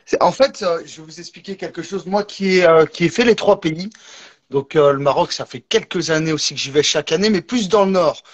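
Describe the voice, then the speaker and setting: A man's voice: a little high, brisk, highs cut off. A man on a live stream, explaining things hesitantly with many fillers. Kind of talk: casual chat.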